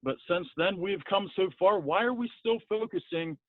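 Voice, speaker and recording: A man's voice: high-pitched, no room sound. Hillbilly-accented man on a tinny phone line. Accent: American hillbilly twang. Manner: plain-spoken, halting, argumentative. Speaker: phone-in caller. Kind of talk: unscripted debate on a call-in show. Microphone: telephone. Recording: thin, narrow phone line.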